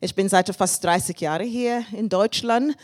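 A woman in her fifties from England, with an English accent on her second language, preaching as a guest and sharing personal testimony with laughs and shouts of praise. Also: mid-range voice, normal speed. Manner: warm and thankful, with frequent laughs and praise shouts.

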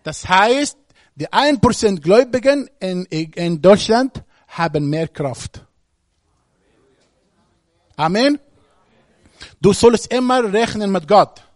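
A man's voice: high voice, expressive, slow, long pauses, dry recording, clean studio sound. A man preaching a sermon, speaking emphatically and putting questions straight to the congregation.

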